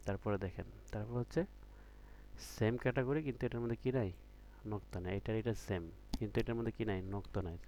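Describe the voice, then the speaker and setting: A man's voice: lowish voice, a little mellow, slight background noise. A man teaching Arabic letters in an online Quran reading class, asking students questions and stretching out each letter sound. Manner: patient, drills with repeated questions to students; drawn-out letter sounds when demonstrating.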